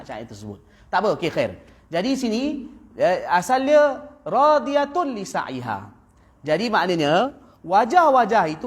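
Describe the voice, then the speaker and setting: A man with a Malaysian Malay accent giving a live mosque lecture on Quran verses, often checking in with "kan?" and "ha" and chanting Arabic verses slowly between explanations. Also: high voice. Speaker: religious teacher. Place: mosque, live evening class.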